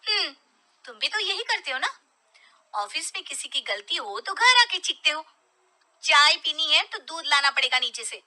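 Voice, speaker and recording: A woman voicing a sharp-tongued wife and mother who scolds firmly. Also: high voice, very animated, normal speed, pitched above the performer's own voice, full character voice. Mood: scolding. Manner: scolding, firm.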